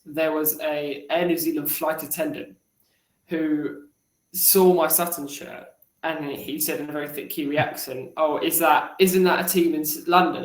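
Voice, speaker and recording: A man's voice: fairly high pitch, roomy sound. A man telling stories as a regular podcast contributor in casual chat, rambling with restarts.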